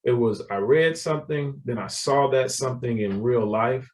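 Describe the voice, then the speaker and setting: A man's voice: mid-range voice, moderate pace, a little mellow, distant mic. A man, telling his story as a guest in a casual interview, laughing often and repeating words. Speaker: guest, real estate developer.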